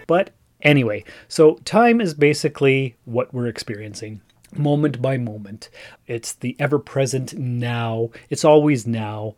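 A Northern Ontario man in his forties hosts a casual solo podcast, musing aloud in a chatty, rambling way. His medium-pitched voice is animated and unhurried, with a darkish tone.

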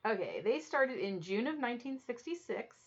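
A woman's voice: fairly high pitch, very animated, normal speed, slightly rough. A woman co-hosting a podcast from the United States, teasing and dry as she steers a casual chat. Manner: dry, teasing, leads the talk. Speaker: podcast co-host. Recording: dull lo-fi sound.

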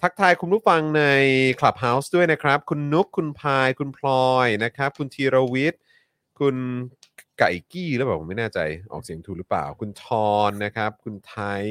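A man's voice: mid-range voice, big pitch swings, moderate pace, a bit bright, no echo. A man co-hosting a live online talk show, chatting casually and reading viewer comments aloud with many polite fillers.

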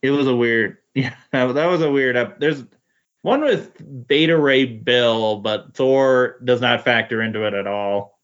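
A mid-range male voice, a little slow, belongs to a podcast guest making casual conversation. He sounds hesitant and often trails off, and the recording is dull and lo-fi.

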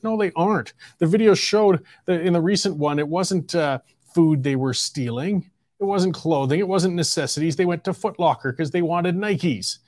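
A man hosts a political show and delivers his opinions in a blunt, combative monologue, throwing in mocking jabs. His voice sits at an ordinary middle pitch. The recording is close and dry, with no room sound. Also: no room sound. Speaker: political commentary host.

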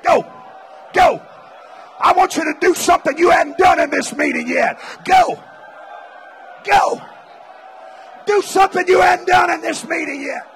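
A man preaching at a Pentecostal revival meeting, shouting and urging the crowd on with repeated exhortations, sometimes speaking in tongues. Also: very high-pitched, very animated, unhurried, pauses often, slight background noise. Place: large church meeting.

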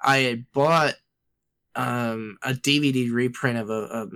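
A man's voice: mid-range voice, steady tone, a little slow, fairly bright tone, clear, resonant tone. A man in his thirties in a casual podcast chat, rambling, swearing and restarting his sentences. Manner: rambling, profane, self-interrupting. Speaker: podcast co-host.

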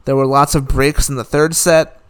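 A man's voice: mid-range voice, flat delivery, moderate pace, a bit bright, smooth. Dry, opinionated man reading off scores. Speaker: tennis commentator. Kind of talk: casual recap of results.

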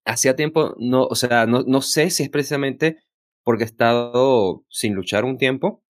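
A man's voice: mid-range voice, normal speed, dry recording, studio quality. A man chatting casually and analytically as a podcast co-host, giving his opinions on a show. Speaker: podcast co-host reviewing wrestling.

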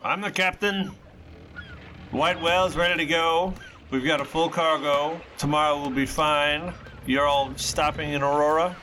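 A man puts on a female dwarf ship captain for a tabletop game, pitched well up from his own voice. She is brisk, clipped and businesslike, with clear noise behind her. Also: fairly even intonation, bright, forceful tone. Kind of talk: tabletop role-play.

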